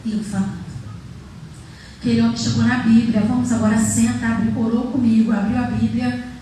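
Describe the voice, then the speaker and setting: A woman missionary preacher, telling her testimony in a sermon, acting out the dialogue and moving from soft to loud. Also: fairly high pitch, level tone, brisk, a little hiss or hum. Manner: emotional storytelling, acts out dialogue, swings from soft to loud. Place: church hall. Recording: echoey church hall from far off.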